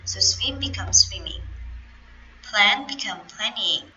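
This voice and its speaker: A young woman teacher with a Khmer accent walks through an English grammar lesson at an unhurried pace. Her voice is bright and crisp, and she spells out letters one by one with patient care. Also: mid-range voice, lively intonation, dull audio, slight background noise. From Cambodia.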